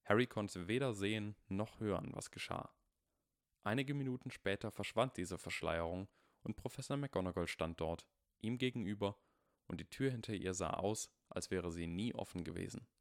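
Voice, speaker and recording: A man calmly narrating a story as an audiobook reader. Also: fairly low pitch, normal speed, no echo, studio quality.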